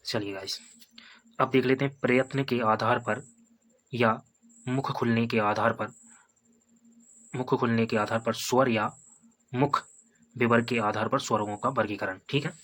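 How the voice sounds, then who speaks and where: A man teaching a Hindi grammar lesson for exam preparation. He repeats each point, sounds out vowels slowly as examples, and keeps checking in with "है ना" and "ठीक है". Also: mid-range voice, steady tone, fairly bright tone. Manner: repetitive, explains step by step with tags like "है ना" and "ठीक है".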